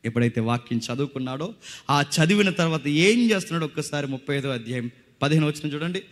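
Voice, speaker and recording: A man preaching a sermon at a village youth meeting, swinging from loud exhortation to hushed storytelling. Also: fairly high pitch, lively intonation, fast talker. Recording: long hall reverb.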